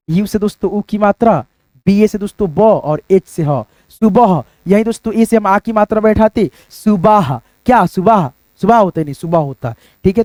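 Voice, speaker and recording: High-voiced man teaching step by step. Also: warm tone, no echo. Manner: explains step by step, calls listeners "friends". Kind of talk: casual Hindi lesson.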